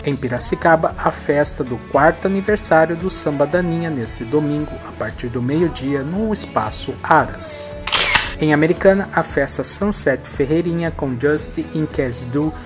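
A man's voice: fairly high pitch, moderate pace, over music. A man in his thirties hosting a regional events show, reading listings and birthday greetings in an upbeat, friendly way on a headset mic. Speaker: host. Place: indoors against a plain bright wall.

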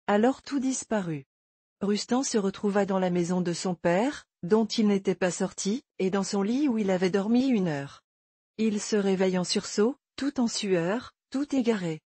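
A woman reads a classic tale aloud as an audiobook narrator, measured and even. Her voice is warm with a breathy edge. It sits dry and close to the mic. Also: mid-range voice, no room sound. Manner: measured storytelling. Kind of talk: scripted narration.

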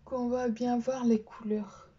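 Slow, hesitant young woman vlogger. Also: fairly high pitch, level tone, mellow, slightly rough, lo-fi sound. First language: French. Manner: slow, hesitant, many fillers. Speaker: beauty vlogger. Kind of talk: casual show-and-tell vlog.

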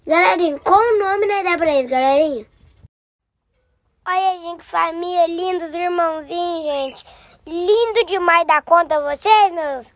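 A man voicing a cheerful old grandpa character. The voice is hoarse, and he gushes over everything with doting affection. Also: very high voice, unhurried, a bit bright, voice pushed up, heavily acted. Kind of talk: comedy vlog character.

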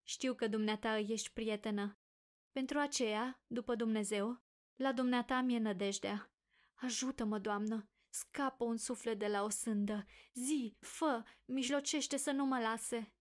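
A woman voicing a heartbroken, desperate young woman who pleads slowly and dramatically, as if through sobs. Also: fairly high pitch, steady tone, close to an everyday voice. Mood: pleading. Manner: sobbing, pleading, slow dramatic delivery. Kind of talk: audiobook character reading.

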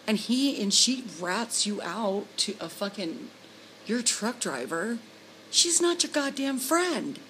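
A woman's voice: fairly high pitch, a bit bright, slight background noise, low-quality recording. A middle-aged woman, a trucker's wife, ranting bluntly and profanely to her phone camera at home. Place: home room indoors. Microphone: phone camera held close.

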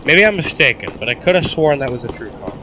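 A man's voice: medium pitch, sing-song, quick pace, noisy background. A sick man coughing now and then while giving rambling, self-deprecating casual commentary over his gameplay. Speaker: gaming channel host. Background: loud game music.

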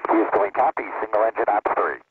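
A man's voice: on the low side, quick pace. Man on breaking-up space radio. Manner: terse, flat procedural readbacks. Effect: breaking-up space-to-ground radio. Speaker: shuttle crew member reading back calls. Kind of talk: clipped radio readback. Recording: tinny crackly radio link with static.

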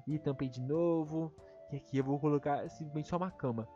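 A man with a Brazilian accent giving excitable Minecraft let's-play commentary, jumping to high-pitched yelps when alarmed. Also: brisk. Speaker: gaming YouTuber. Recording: dull lo-fi voice with faint music.

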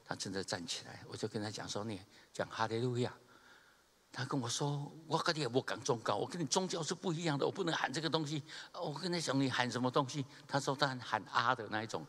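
A man, a pastor preaching a sermon and telling stories in an animated way, chuckling and acting out the people he quotes. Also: medium pitch, fast. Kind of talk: sermon with humorous storytelling. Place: church sanctuary during a Sunday service. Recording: long reverb of a church hall.

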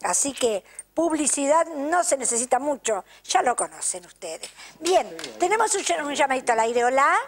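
A woman's voice: high voice, sing-song, moderate pace, a little hiss or hum. An older woman with an Argentine accent hosts a local TV show, chatting effusively to the audience and often tagging her sentences with "¿eh?". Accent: Argentine Spanish. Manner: chatty, effusive, keeps asking "¿eh?". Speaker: TV show host. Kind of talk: casual chat, thanking sponsors to camera. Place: local TV studio.

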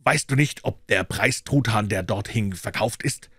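A man's voice: on the low side, normal speed, fairly bright tone, slightly rough, no echo. A man voicing an overjoyed old male miser, exclaiming giddily in a storybook reading. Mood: eager. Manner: exclaiming, breathless and giddy.

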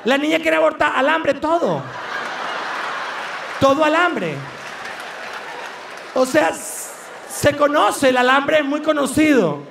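A man's voice: very high voice, takes it slowly, vocal fry, long pauses, crowd noise, background noise. A Venezuelan man doing live stand-up comedy, telling stories animatedly and acting out the people in them. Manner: animated storytelling with voices. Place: large live venue. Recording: echoey live venue from far off.

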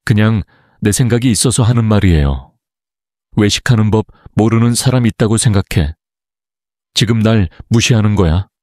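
A man's voice: on the low side, normal speed, darkish tone, no room sound, clean studio sound, natural voice. A man voicing a rude, coarse sister-in-law who snaps and talks down to people. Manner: rude, snapping.

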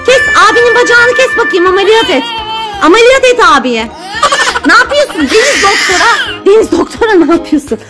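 A young mother with a high, lively voice plays a pretend doctor game with her children, narrating and coaxing playfully at a fairly quick pace. Music plays under her voice in this casual family moment.

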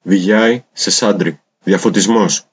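Low-voiced man reading poetry, lo-fi. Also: fairly even intonation. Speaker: poetry reader. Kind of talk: reading translated poetry aloud. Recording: dull lo-fi recording.

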